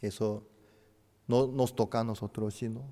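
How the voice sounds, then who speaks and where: A man preaching a sermon as pastor, a non-native speaker of Spanish with a native Korean background, swinging between loud emphatic rises and hushed soft drops. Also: lowish voice, fairly even intonation, unhurried. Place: church sanctuary. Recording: church hall with long reverb.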